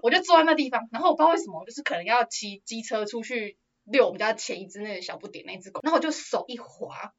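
Young taiwanese woman rattling off a funny story, quick and a bit high, lots of laughing, muffled lo-fi sound. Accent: Taiwanese Mandarin. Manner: animated, laughs often, acts out quotes. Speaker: podcast co-host. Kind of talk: casual chat, storytelling. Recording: dull lo-fi audio.

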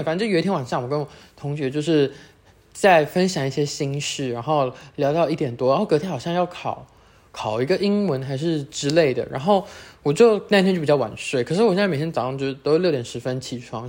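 A high-school-aged speaker with a Taiwanese Mandarin accent, hosting a casual solo chat that rambles and keeps correcting itself. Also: a little mellow. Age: late teens. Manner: rambling, self-correcting, chatty. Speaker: podcast host.

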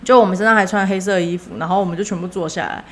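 A woman's voice: medium pitch, fairly even intonation, rapid-fire. Rambling woman storyteller. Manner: rambling, many fillers and self-corrections. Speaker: podcast host. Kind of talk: casual storytelling.

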